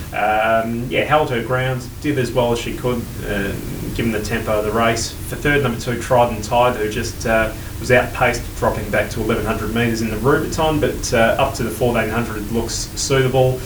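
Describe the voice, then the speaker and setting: A man's voice: medium pitch, fairly even intonation, moderate pace. A man working as a racing tipster, giving horse form analysis and selections in conversation. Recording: roomy, distant mic, faint noise.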